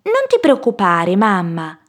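A woman doing squeaky eager little piglets. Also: huge pitch swings, measured pace. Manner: high, bright childlike voice.

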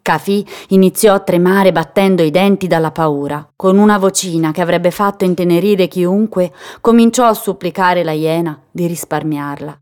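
A woman narrating a children's fable in a calm, measured storytelling manner. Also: on the low side.

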